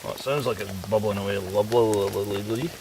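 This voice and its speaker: At a woodland camp in heavy rain, an outdoor vlogger chats by the campfire, relaxed and quick to laugh, with rain noise all around. His Scottish accent is softened by years in Cornwall and Canada, and he speaks at a normal pace in a fairly low voice.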